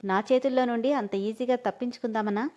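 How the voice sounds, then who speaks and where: A woman's voice: fairly high pitch, steady tone, brisk, a little mellow, highs cut off, slight background noise, close to an everyday voice. A woman voicing a cocky young man who teases his wife, in a storybook reading. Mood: teasing.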